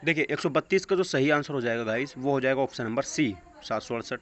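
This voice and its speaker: A male exam coaching teacher with a mid-range, slightly bright voice talks fast, reading questions and answers aloud in a test-prep lesson and slipping English phrases into his instruction. The lo-fi recording sounds dull, with noticeable background noise.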